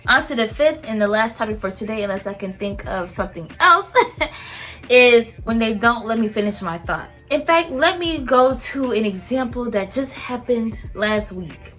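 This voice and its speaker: A young woman in a casual storytime rant about fast food work, animated and mimicking customers. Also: on the high side, soft background music. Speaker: vlogger and fast food worker.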